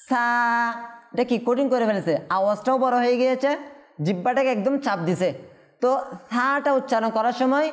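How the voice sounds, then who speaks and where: A woman teaching Quran letter pronunciation, patiently drawing out each sound and asking her pupils rhetorical questions. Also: a little high. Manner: asks rhetorical questions to the class.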